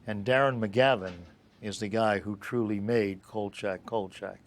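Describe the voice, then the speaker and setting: Older man telling lively production stories. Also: fairly low pitch, unhurried, a little hiss or hum. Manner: animated, acts out dialogue in his anecdotes. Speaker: film producer and director. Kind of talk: interview storytelling.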